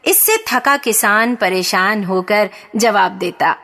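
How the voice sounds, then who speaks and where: A woman narrating a children's story in a calm, measured way. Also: medium pitch.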